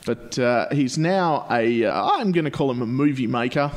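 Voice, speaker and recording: A man's voice: mid-range voice, expressive, moderate pace. Man hosting a podcast in cavernous, cave-echo room. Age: late 20s. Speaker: podcast host. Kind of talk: casual chatty podcast interview. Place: large living room, indoors.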